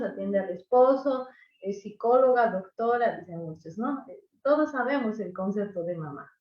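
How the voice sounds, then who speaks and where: A woman teaches a class in a fairly high voice, explaining step by step and checking in with her listeners. The sound is echoey and comes from some distance off the mic. The recording is dull and lo-fi. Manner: explanatory, asks "¿no?" and "¿sí?" often. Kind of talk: online class lecture.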